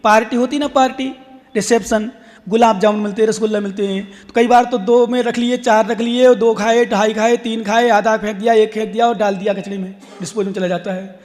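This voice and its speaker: A man, a Jain monk, giving a devotional sermon, asking his listeners questions and chanting verses slowly. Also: high-pitched, steady tone, darkish tone. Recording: long reverb from a hall.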